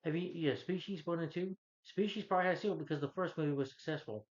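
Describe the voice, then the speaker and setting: A film reviewer rants angrily and scornfully, blunt and emphatic, repeating phrases to hammer his point. His voice is a little high and quick. The audio is dull and lo-fi.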